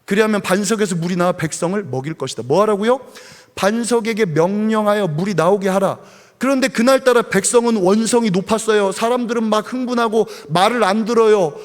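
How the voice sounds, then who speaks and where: A man with a high, light voice preaches a sermon, pressing his point with rhetorical questions and then easing into softer asides. His voice rings out in a church sanctuary with a long reverb tail. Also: fast, hardly any pauses. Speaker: pastor.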